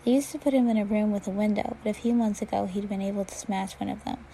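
A woman reading a fan fiction chapter aloud at a steady pace, now and then stumbling and restarting a word. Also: medium pitch, fast, vocal fry, slight background noise, rough recording. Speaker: reader.

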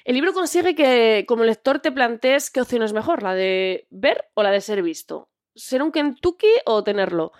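Chatty woman, higher voice. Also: animated, moderate pace, dry recording, studio quality. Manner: chatty and reflective, with frequent filler words. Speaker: podcast host. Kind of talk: book recommendation podcast.

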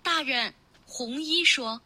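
A woman narrating a children's storybook in a clear, expressive, unhurried way. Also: high voice.

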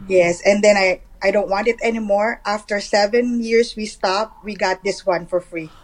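A woman in her forties with a Filipino accent and a mid-pitched voice talks as an interview guest. Her style is casual and conversational, in English with some Tagalog mixed in. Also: steady tone, moderate pace, low-quality recording. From Philippines. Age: 40s.

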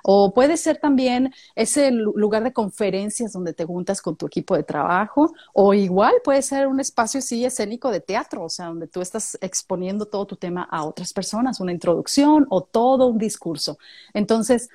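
A woman chatting casually about speaking skills, lively and acting out little voices as examples. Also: mid-range voice, normal speed. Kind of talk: casual chat giving speaking tips.

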